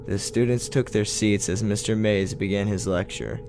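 A man narrating a first-person horror story for a podcast in a measured, storytelling way. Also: fairly low pitch, fairly even intonation, over music.

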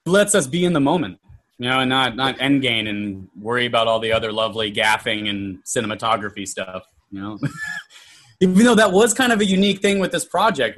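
Earnest, animated male actor talking over a video call. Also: mid-range voice. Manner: animated and earnest, many fillers. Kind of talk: casual video-call chat.

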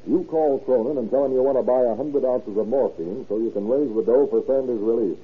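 Actor as a hard-boiled 1930s police captain, tinny recording. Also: male voice, mid-range voice, a little fast, husky, natural voice. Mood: businesslike. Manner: clipped, tough 1930s cop talk. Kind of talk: 1930s radio crime drama acting. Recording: tinny, noisy old radio recording.

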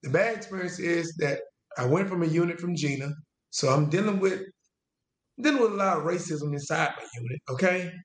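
In an echoey room, a man in his forties, a veteran being interviewed, shares his story in conversational fashion. His casual Southern US speech is drawn out and halting, with frequent restarts that circle back on themselves, and his voice is a little high for a man.

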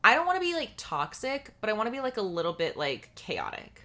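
Animated bright-voiced woman chatting. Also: medium pitch, brisk. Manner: animated, giggly, lots of fillers. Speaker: podcast co-host. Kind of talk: casual chat.

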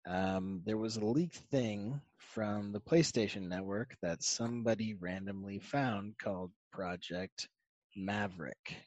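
A man's voice: fairly low pitch, unhurried, a little mellow, no room sound, highs cut off. Man talking over a video call. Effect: remote voice on a video call over an internet connection. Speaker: podcast co-host. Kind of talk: casual podcast chat.

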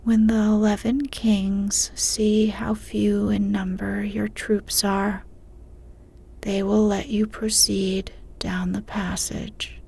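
A woman voicing a wise old male wizard, speaking in a slow, hushed whisper. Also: mid-range voice, level tone, vocal fry, husky, full character voice. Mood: calm counsel.

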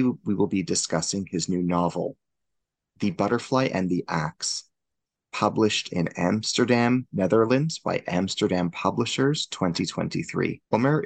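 Male podcast host, very low and gravelly voice, formal and courteous, dry close sound. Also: no room sound. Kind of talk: formal interview hosting.

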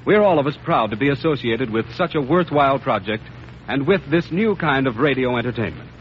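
A man's voice: medium pitch, expressive, fairly quick, slight background noise. A man with an American accent reading a formal script as a 1930s radio announcer. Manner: old-time radio announcer delivery, formal. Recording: old muffled radio broadcast, music behind.

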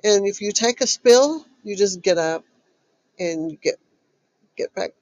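Slow-paced, stuffy-voiced woman coach. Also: medium pitch, lively intonation, a little mellow, dry recording, rough recording. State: stuffy, recovering from covid. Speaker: host and recovery coach. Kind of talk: motivational self-help talk to listeners.

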